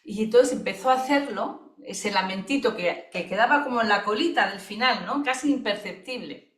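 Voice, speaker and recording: A woman, a singing therapist giving a webinar lesson in a thoughtful, unhurried way, often checking in with her listeners by asking if they follow. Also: mid-range voice, a bit bright. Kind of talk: teaching talk. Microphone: video call microphone. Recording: echoey room.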